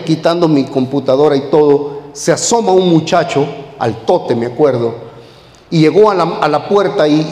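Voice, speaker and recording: A man's voice: high-pitched, darkish tone. A man, a pastor telling a story in a sermon and calling his listeners brother. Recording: echoey hall.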